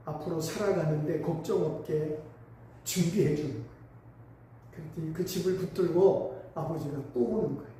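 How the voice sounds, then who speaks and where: Pastor preaching in an echoey hall. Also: male voice, on the high side, mellow, slight background noise. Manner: storytelling, emphatic swells. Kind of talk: sermon. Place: church sanctuary. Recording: echoey church hall, mic at a distance.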